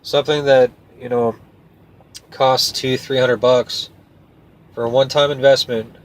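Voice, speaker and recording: This man, a trucker and video host, speaks at a measured pace in a medium pitch. He chats casually and rambles to viewers in a down-to-earth, folksy manner with some hesitation, over clear and steady background noise.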